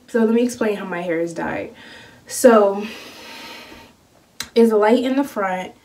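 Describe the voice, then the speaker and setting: A woman's voice: medium pitch, unhurried, a little mellow, distant mic, rough recording. A young woman vlogging casually to camera at home, blunt and playful and swearing freely. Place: at home doing her hair. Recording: home video, voice a bit off-mic, faint noise.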